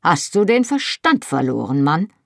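A fierce, sharp-tongued young woman who cuts in with biting sarcasm, as a woman reader plays her. Her voice is low and husky, caught close and dry. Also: very animated, a little slow, no echo, full character voice.

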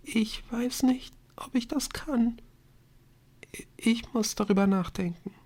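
A man's voice: slow, vocal fry, a bit bright, heavily acted. A man doing a panicky sobbing teenage girl. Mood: faint whisper. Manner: high shaky pleading voice.

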